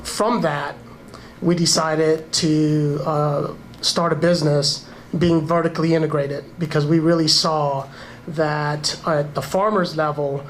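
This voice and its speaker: A man, a sponsor giving a halting speech at a gala with many fillers. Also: on the high side, a little hiss or hum, rough recording. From Panama. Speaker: event sponsor, businessman.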